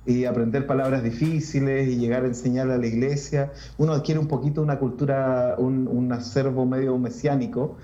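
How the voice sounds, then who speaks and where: Reflective Chilean man, mellow voice. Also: medium pitch, level tone, echoey room, highs cut off. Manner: reflective, halting, with many restarts. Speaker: Lutheran pastor. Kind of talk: casual interview chat.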